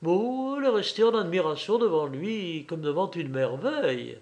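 A man reading the part of an earnest, jealous young gentleman in love, speaking reproachfully. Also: sits high, expressive, normal speed.

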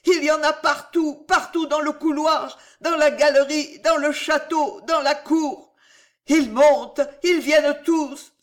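A man voicing a delirious dying king, high and frantic. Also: slow pace, hardly any pauses, fairly bright tone. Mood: terrified. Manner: frantic pleading cries, voice swelling and breaking. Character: dying young king, delirious, terrified, haunted by guilt. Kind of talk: dramatic reading of a historical novel.

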